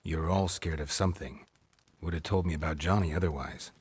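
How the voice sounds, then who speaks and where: A man playing a stoic, gruff monster hunter in a video game, terse and restrained but gentle with children, with a gravelly voice. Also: rumbling low, fairly even intonation, a little fast, no echo, heavily acted. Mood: calm, reassuring.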